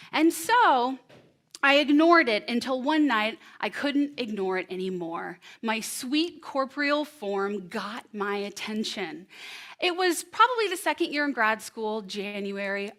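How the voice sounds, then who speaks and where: Woman storyteller, 30s, bright and slightly high voice, lively stage telling with pauses. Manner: expressive, animated delivery with dramatic pauses. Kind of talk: live storytelling performance. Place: presentation room before an audience.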